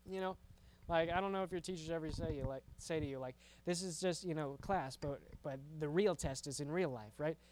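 A man's voice: fairly high pitch, a little fast, hardly any pauses, darkish tone, a little hiss or hum. A man preaching to a youth group in a casual, conversational way, often repeating words and checking in with "right?". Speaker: youth pastor.

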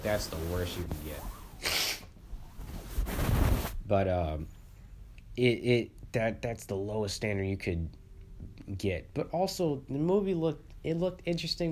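A man's voice: lowish voice, slight background noise. A man hosting a casual solo movie podcast, rambling and repeating words, congested and sniffling with the flu.

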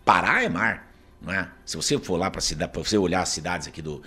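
A Brazilian man from Paraná speaks as an interview guest, with a husky, somewhat low voice. He talks quickly and swings widely in pitch. He argues emphatically and keeps tossing in rhetorical questions. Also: expressive, pushed and bright. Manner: emphatic, argumentative, keeps asking rhetorical "isn't it true?". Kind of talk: opinionated conversational commentary.

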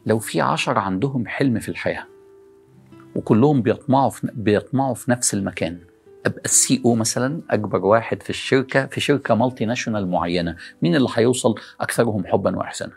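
Brief: Egyptian male preacher, quick delivery, animated rhetorical questions, faint music underneath. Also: lowish voice, gravelly, slightly rough. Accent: Egyptian Arabic. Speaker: preacher addressing young people. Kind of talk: motivational religious talk.

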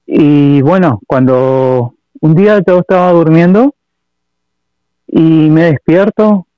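A man's voice: fairly high pitch, clear, resonant tone, no room sound. A man with an Argentine Spanish accent calls in to recount a personal story, stopping often and repeating himself. His voice comes over a dull, muffled phone line with no room sound. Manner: halting, full of fillers and repeats. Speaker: caller. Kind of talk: telling a personal story on a call-in show.

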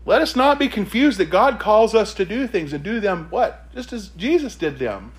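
A man's voice: sits high, sing-song, normal speed. A man preaching a sermon, reading scripture and pressing the congregation with emphatic rhetorical questions.

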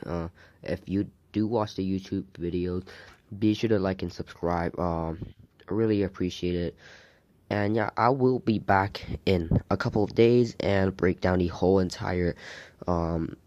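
A man hosting a casual solo gaming podcast, talking haltingly while getting over a sore throat. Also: low voice, darkish tone, dull audio. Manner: halting, hesitant delivery. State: sick, recovering from a sore throat.

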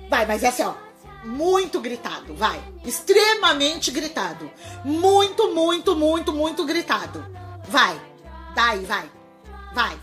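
A woman telling a children's story from home, speaking to her young listeners directly and playing up each beat. Her voice sits high and she takes her time, stretching the telling slowly. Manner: animated, talks to the audience.

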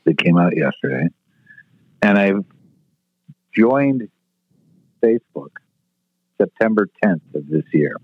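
A man's voice: low voice, expressive, slow, pauses often, no echo. Brash older man on a tinny line. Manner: brash, profane storyteller. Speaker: podcast guest, retired stage manager. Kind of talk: casual storytelling interview. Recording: tinny phone-like line, dry.

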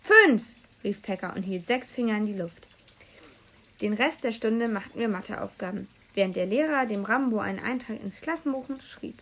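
A woman reading a children's book aloud in a lively storytelling manner, with the odd slip. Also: medium pitch. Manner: lively storytelling with occasional slips. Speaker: reader.

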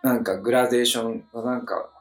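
A man in his thirties co-hosting a podcast in casual chat, talking in a relaxed drawl with sudden high outbursts. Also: fast. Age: 30s. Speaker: podcast co-host. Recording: echoey room with faint music behind.

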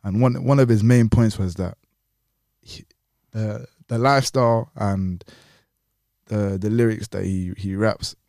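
A young man with a London roadman accent talks in a casual, slangy way. His voice is gravelly and mellow, and it is recorded close and dry. He often adds little tags to check he is understood. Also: lowish voice, fairly even intonation, unhurried, no room sound. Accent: London roadman, Multicultural London English. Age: young adult. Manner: slangy street talk with frequent check-in tags. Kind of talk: casual conversation about music.

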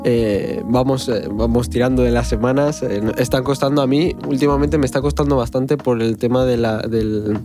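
A man's voice: medium pitch, normal speed, few pauses. Guy hosting a chill podcast, trips over his words a lot, music playing under him. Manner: hesitant, many restarts and fillers. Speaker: podcast host. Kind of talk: casual chat.

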